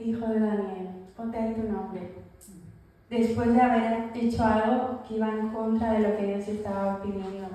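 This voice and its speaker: A woman's voice: fairly high pitch, warm tone. A woman preaching a sermon, emphatic, repeating key phrases and asking listeners to imagine along with her. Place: church. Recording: echoey church hall, mic at a distance.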